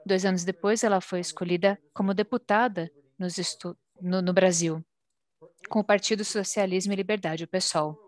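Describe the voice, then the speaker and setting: A woman with a Brazilian accent interpreting a formal speech live, phrase by phrase with pauses. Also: lowish voice, steady tone. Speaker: simultaneous interpreter.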